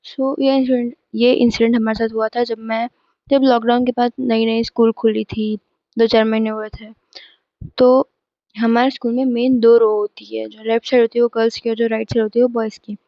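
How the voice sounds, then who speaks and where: A woman's voice: on the high side, flat delivery, normal speed, dry recording, highs cut off. A teenage girl casually telling a personal school story to her viewers, emphatic and chatty. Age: teens. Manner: chatty, emphatic retelling with frequent restarts.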